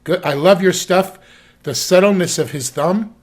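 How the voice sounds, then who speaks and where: A man's voice: sits high, moderate pace. A man telling funny animal hospital stories to a camera in a casual, rambling and slightly crude way. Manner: rambling, chatty, a little crude.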